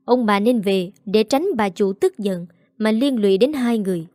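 This is a contemptuous house steward in a storybook tale, read by a woman. He speaks coldly and dismissively, in a dark, mellow tone with a dry, close sound. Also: medium pitch, moderate pace, dry recording, lightly acted. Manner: cold, contemptuous.

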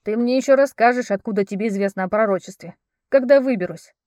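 Woman narrator doing a steady young prince, calm and firm, mellow voice, storybook. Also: on the high side, fast, no echo, clean studio sound, natural voice. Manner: firm, calming, instructing. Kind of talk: audiobook character voicing.

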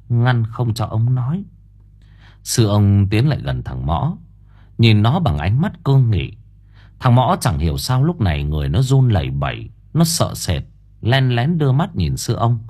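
A man narrating an audiobook in a dramatic, expressive storytelling manner. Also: fairly low pitch, slightly rough.

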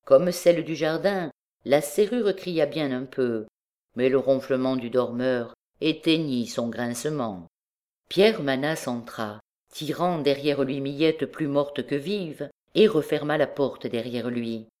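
A woman narrating a classic novel as an audiobook, with measured, expressive storytelling. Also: rumbling low.

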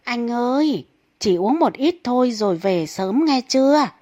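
A woman voicing a young wife who scolds her drunk husband in a shrill way, in a comic story. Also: moderate pace, darkish tone, close to an everyday voice. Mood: scolding.

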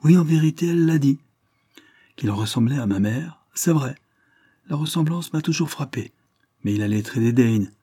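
A man's voice: mid-range voice, animated, normal speed, long pauses, dark tone, husky, no echo, clean studio sound, voice pushed up. A man doing a grave, commanding lord. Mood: solemn.

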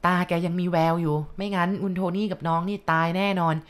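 A woman narrating a ghost story in a loose, conversational way, slipping in asides to her listeners. Her voice sits on the low side for a woman. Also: flat delivery, quick pace.

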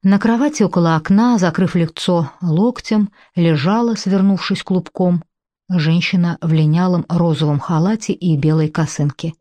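A woman reading an audiobook in a measured, unhurried narration. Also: fairly low pitch, dark tone, dry recording. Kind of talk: scripted narration.

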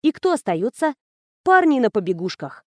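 A woman's voice: a little high, sing-song, normal speed, no room sound. A woman reading a first-person audiobook narration in a wry, conversational manner.

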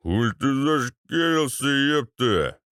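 A man voicing a drunk, boorish ex-paratrooper with a bassy, slurred, swaggering delivery. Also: sing-song, slow pace, fairly bright tone, clean tone, dry recording, clean studio sound. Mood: annoyed. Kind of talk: audiobook character voice.

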